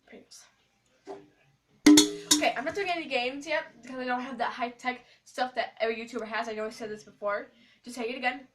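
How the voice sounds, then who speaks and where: Quick-paced and steady in tone, the young girl's fairly bright, higher voice carries her rambling, playful, scatterbrained vlog as she talks to camera. The recording comes from a distant mic and is noisy, with clicks.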